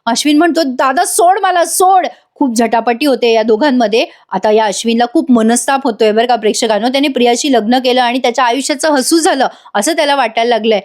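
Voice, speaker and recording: A woman's voice: fairly high pitch, quick pace, few pauses, a little mellow. A woman chattily recapping a television serial episode in a voice-over, speaking straight to her viewers. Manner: chatty, addresses viewers directly. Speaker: tv serial reviewer.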